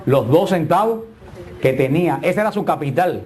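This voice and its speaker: A man's voice: fairly high pitch, lively intonation, moderate pace, darkish tone. A middle-aged man preaching a sermon with emphatic, swinging delivery and joking asides.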